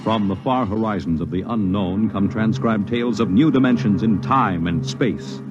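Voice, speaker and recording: A man announcing a 1950s science fiction radio series in a grand, booming style. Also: normal speed, dull audio. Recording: old radio broadcast with music.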